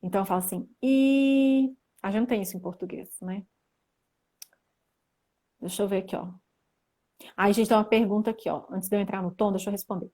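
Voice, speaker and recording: Young Brazilian woman, chatty livestream teacher, medium pitch, talking to viewers through a phone mic. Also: quick pace, pauses often, husky. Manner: chatty, reads viewer comments aloud, animated. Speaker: livestream host teaching Mandarin. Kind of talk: casual livestream lesson.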